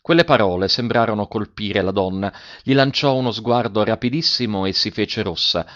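Low-voiced man reading an audiobook. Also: normal speed, a bit bright, muffled recording. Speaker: narrator.

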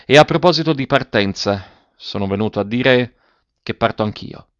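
A man's voice: mid-range voice, lively intonation, normal speed, fairly bright tone, dry recording, natural voice. A man voicing a cold, proud aristocratic husband, speaking curtly in a dull lo-fi recording. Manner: curt and cold.

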